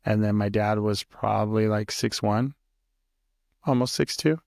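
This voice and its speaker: Relaxed man in his forties, low voice. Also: measured pace, gravelly, no echo, clean studio sound. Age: 40s. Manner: relaxed, storytelling with many fillers and restarts. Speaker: podcast guest. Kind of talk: casual conversation.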